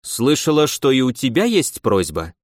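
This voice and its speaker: A man's voice: mid-range voice, wildly swooping pitch, normal speed, no echo, clean studio sound. A man narrating a story and voicing a stern young princess who holds court, speaking in a curt, commanding way.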